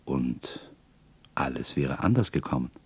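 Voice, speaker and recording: A man reading the part of a gentle, cheerful young woman in an audiobook, speaking in a warm, confiding way. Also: a bass voice, lively intonation, unhurried, slightly rough, pitched below the performer's own voice, exaggerated voice.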